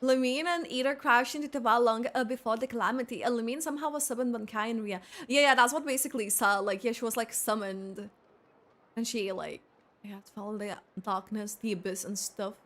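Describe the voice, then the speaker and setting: Streaming a game, a woman gives casual live commentary, rambling, thinking aloud, and correcting herself along the way. Her voice is fairly high, fairly bright, and fairly quick.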